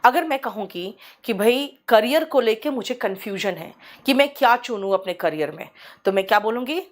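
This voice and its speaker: A woman's voice: fairly high pitch, lively intonation. Patient Indian woman teaching English. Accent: Hindi. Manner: explains patiently, addresses students as "beta", says English examples slowly. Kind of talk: online class lecture. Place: small teaching studio. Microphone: studio microphone.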